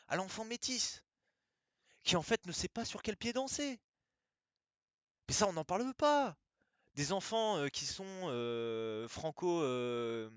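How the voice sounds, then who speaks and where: A man's voice: fairly high pitch, a bit bright, no room sound. A man talking in a casual monologue, emphatic and repetitive, firing off rhetorical questions.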